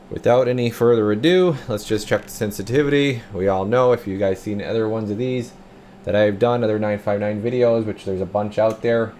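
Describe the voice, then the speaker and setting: Working through a casual hands-on demonstration, a man who hosts a radio repair and test video channel explains each step to viewers and now and then half mutters to himself. He speaks in a lowish voice over slight background noise.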